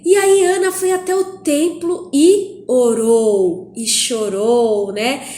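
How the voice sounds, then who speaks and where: A woman with a Brazilian Portuguese accent, a Sunday school teacher telling a Bible story to children in an animated, coaxing way. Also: sits high, slow. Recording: echoey room.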